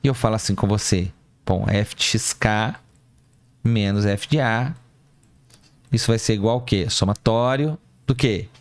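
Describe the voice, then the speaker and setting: A math professor delivers a board lecture at a measured pace, his voice on the low side and free of room sound. He talks through the calculation step by step, answering his own questions and correcting little slips as they come up.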